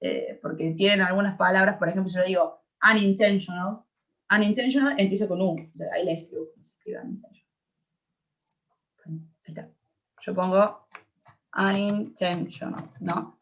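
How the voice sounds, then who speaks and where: A woman's voice: mid-range voice, fairly quick, long pauses, fairly bright tone. Argentine woman tutoring, dull lo-fi audio. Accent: Argentine Spanish. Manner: explains patiently, checks the class follows. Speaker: English tutor. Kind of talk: online class explanation.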